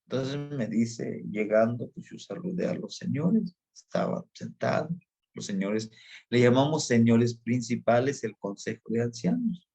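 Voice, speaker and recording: A man from Mexico, giving an unhurried spoken lesson and talking straight to his listeners. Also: medium pitch, animated, warm tone, husky. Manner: unhurried, explanatory, addresses listeners directly. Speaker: teacher of Nahuatl tradition. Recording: dull lo-fi recording.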